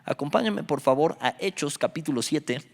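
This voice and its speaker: A young man preaches to a youth group. He tells the stories in an animated way, acts out the dialogue and jokes with the crowd, and his voice swoops widely and sits fairly high. The sound carries a long hall reverb. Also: normal speed, gravelly. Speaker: youth pastor. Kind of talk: youth Bible study sermon.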